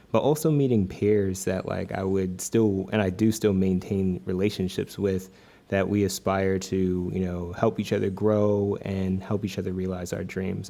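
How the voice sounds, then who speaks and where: Low, mellow-voiced man guest. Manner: earnest, many "like" and "you know" fillers. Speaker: game designer guest. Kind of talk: casual interview.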